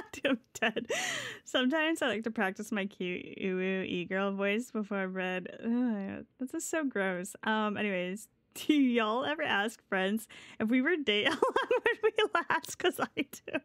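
Close on the mic with no echo, a woman VTuber chats casually on a live stream, giggly and playful in a gamer-girl way and swearing freely. She speaks in a mid-range voice at a measured pace.

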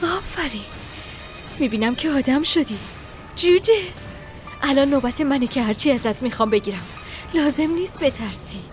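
Brief: a furious, taunting woman, high voice, music underneath. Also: animated, long pauses. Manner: sharp, commanding, taunting. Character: cornered young woman holding a gun, furious. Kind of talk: dubbed TV drama.

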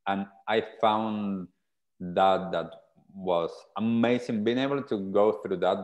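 A man in his thirties from Argentina speaks with a very low voice. He tells his story in an earnest, reflective way, as a guest on a video-call interview. The sound comes through small earphone mics in a small room. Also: darkish tone. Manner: earnest, reflective, gestures while talking. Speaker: podcast guest. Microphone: earphone headset on a video call.

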